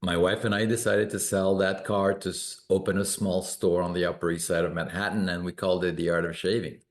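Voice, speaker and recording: Man, middle-aged, very deep voice, interview guest, reflective storytelling, some hesitations. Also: flat delivery, fairly quick. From born in Morocco, raised in Canada. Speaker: guest, business founder. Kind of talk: conversational interview.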